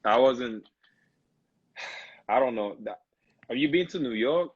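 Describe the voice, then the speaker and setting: A young man from Lagos, Nigeria, answering interview questions in a relaxed, easygoing way. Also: medium pitch, slow pace, breathy edge, dry recording, muffled recording. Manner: relaxed, easygoing, says bro often. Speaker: recording artist, guest. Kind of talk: casual interview.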